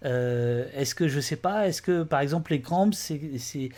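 Hosting a casual interview, a man questions his guests about their book, hesitating constantly and filling the gaps with restarts and fillers. His voice is fairly high, darkish in tone, and unhurried.

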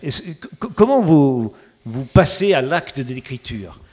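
A man's voice: medium pitch, lively intonation, measured pace, darkish tone. A man moderating a book fair talk, chatty, asking long and meandering questions full of fillers.

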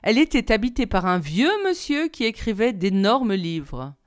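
A woman narrating an audiobook reading in a calm, measured way. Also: medium pitch.

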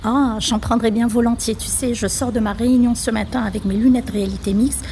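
Woman as mellow, high-voiced busy professional. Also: fairly even intonation, a little fast, slight background noise, lightly acted. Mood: agreeable. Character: Léa, busy, agreeable female professional who loves her job. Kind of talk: amateur scripted audio drama.

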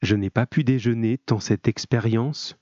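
A man reading a literary story aloud, expressive and steady. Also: mid-range voice, measured pace, no echo. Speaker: reader. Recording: dull lo-fi, dry.

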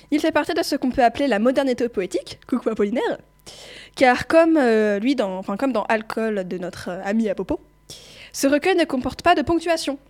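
A woman's voice: fairly high pitch, a little mellow. A young adult woman presents a prepared literature column on a show, reading her script aloud and sometimes tripping over words and restarting.

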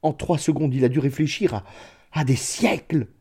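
Teary pompous ex-mayor guy, man putting him on, sobby and emotional, pitched way up from the narrator. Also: normal speed, dark tone, husky. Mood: musing. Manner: sobbing, emotional. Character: weeping sentimental middle-aged bourgeois man, ex-mayor. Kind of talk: storybook reading.

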